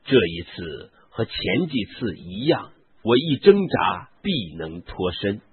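Samson, a mighty captive strongman, earnest and solemn, as a man reads him. The voice is deeply husky and slow. It sounds thin, as if through a phone. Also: sing-song, narrow, tinny audio, exaggerated voice.

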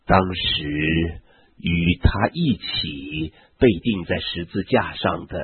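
A man slowly reading a Bible passage aloud in a measured way, with a husky voice. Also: sits low, dry recording. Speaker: scripture reader. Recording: tinny phone-like, dry sound.

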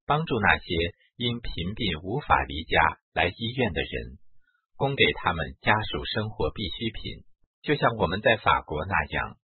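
A man narrating a spiritual autobiography in a slow, reverent, measured reading style. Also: low voice, breathy edge, no echo. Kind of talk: solemn devotional reading. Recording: dry, phone-like narrow band.

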